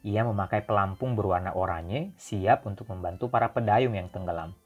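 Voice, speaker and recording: Low-voiced male audiobook narrator. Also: a little fast, dull audio, soft background music. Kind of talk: scripted narration.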